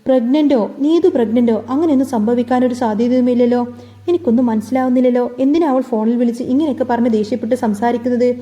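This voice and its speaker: A woman's voice: a little high, fast talker, dark tone, dull audio, lightly acted. A woman voicing a confused young man muttering to himself.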